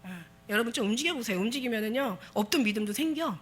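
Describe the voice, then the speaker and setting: A woman's voice: on the high side, animated, very fast, breathy edge. A woman pastor preaching a Sunday sermon, impassioned and exhorting her congregation with emphatic repetition.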